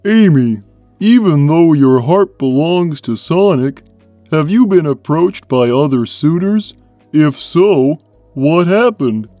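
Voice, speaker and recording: Woman doing Big, low mellow cartoon cat. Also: lively intonation, slow pace, no echo, soft background music. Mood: curious. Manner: simple, mild, guileless. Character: big, slow-witted, gentle, innocent male cat. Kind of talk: in-character cartoon Q&A.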